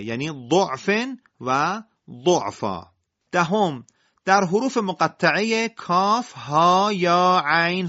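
A man's voice: medium pitch, pushed and bright, lo-fi sound. A man teaching Quran recitation rules, going through numbered points one by one in a careful explanatory lecture. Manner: methodical, enumerating points one by one.

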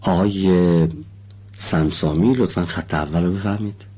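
A man teaching pronunciation in a studio lesson, polite and formal, patiently explaining and slowly stretching out syllables as he demonstrates. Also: deep voice, mellow, slightly rough. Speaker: Quran recitation teacher.

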